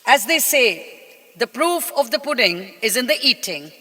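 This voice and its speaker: Posh indian lady principal doing a formal speech, bright forceful voice, big echoey hall. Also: fairly high pitch, very animated, unhurried. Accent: educated Indian English. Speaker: school principal giving a welcome address. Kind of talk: formal scripted ceremonial speech. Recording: long hall reverb.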